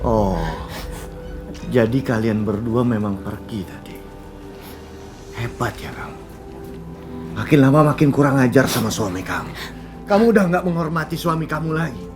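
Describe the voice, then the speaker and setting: A man's voice: mid-range voice, expressive, normal speed, pauses often, faint music behind, lightly acted. An actor playing a hot-tempered young husband who scolds his wife angrily. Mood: scolding. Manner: scolding, angry. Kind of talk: TV soap acting.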